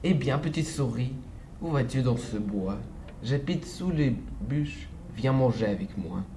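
A man voicing a timid, wary male snake in a storybook reading, speaking low and hushed. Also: animated, unhurried, a little hiss or hum. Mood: sly. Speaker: voice actor.

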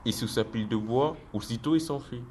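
A man reads a children's story aloud as narrator, steady and measured at an even middle pitch. A faint hiss sits under his voice.

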